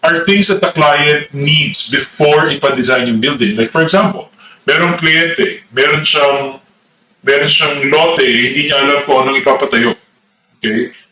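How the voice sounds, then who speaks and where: A man's voice: fairly high pitch, moderate pace, bright, forceful tone. A man with a Filipino accent giving a conversational architecture lecture, switching between English and Tagalog and often checking in with "okay?". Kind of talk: explanatory lecture. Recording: echoey room, mic at a distance.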